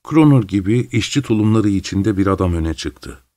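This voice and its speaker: A man narrating a story in a calm, measured reading voice. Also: lowish voice, no echo, clean studio sound.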